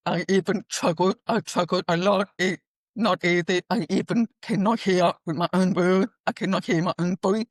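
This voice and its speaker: A deaf woman speaks as an interview guest, her words halting and earnest, with phrasing that bends the usual grammar. Her pitch sits in an ordinary middle range. The sound is dry and close, with no room around it. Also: steady tone, no echo. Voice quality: deaf speech, her hearing profoundly impaired from birth. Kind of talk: interview answers.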